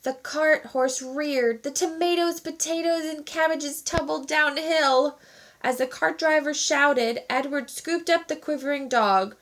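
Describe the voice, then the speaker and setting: A teacher reading a children's storybook aloud with expressive, animated narration. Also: female voice, high voice, unhurried.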